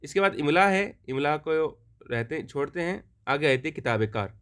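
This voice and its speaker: A man teaching a Farsi lesson, reading sentences slowly for pronunciation and explaining them quickly. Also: fairly high pitch, lively intonation, fairly bright tone, clean tone. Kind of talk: language lesson explained in Urdu.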